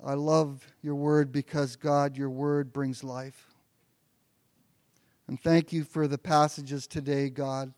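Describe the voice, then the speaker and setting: A man's voice: mid-range voice, flat delivery, slow pace, darkish tone, dry recording, studio quality. A pastor preaching an earnest sermon, often repeating words as he builds toward a point.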